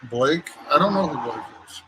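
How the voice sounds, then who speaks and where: A man's voice: fairly high pitch, lively intonation, normal speed, bright, forceful tone, slight background noise. A man hosting a casual livestream, easygoing as he explains the plans for the show. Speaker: host.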